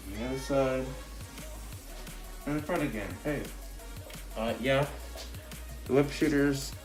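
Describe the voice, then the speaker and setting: Man, muffled through full-face mask, short of breath, rambling casual chat, faint music behind. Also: medium pitch. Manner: rambling, loose, many fillers. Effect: muffled through a full-face costume mask. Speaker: vlogger showing his costume. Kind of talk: casual show-and-tell.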